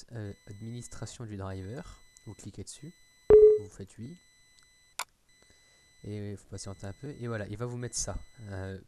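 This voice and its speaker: A man's voice: fairly low pitch, dark tone, a little hiss or hum. A man with a French accent talking through a computer tutorial on screen, hesitant, full of fillers and restarts. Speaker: tutorial maker. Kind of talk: screen-recorded tech tutorial.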